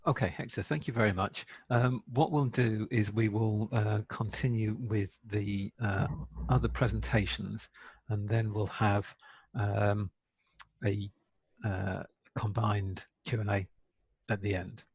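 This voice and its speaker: A man with a gravelly, husky voice moderating a webinar. He talks very slowly with many fillers, and the sound is dry. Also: fairly low pitch, steady tone, dry recording. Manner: slow, filler-heavy.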